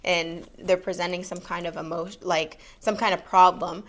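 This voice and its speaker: A woman's voice: on the low side, steady tone, moderate pace, fairly bright tone, slight background noise. A young woman co-hosting a vlog, a nurse, chatting casually with lots of "like" fillers. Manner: chatty, many "like" fillers, laughs easily. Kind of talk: casual chat.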